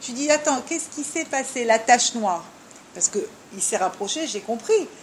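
A woman leading an informal religious talk for a group. She is animated, speaks straight to her listeners, and acts out small dialogues as she makes her points. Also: fairly high pitch, moderate pace, a little hiss or hum. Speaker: leader of a women's discussion group.

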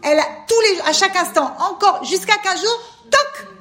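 A woman with a high voice explains spiritual teaching to someone in conversation. She is emphatic and coaxing, and she keeps calling for attention. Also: lively intonation, moderate pace, bright, forceful tone. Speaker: spiritual advisor.

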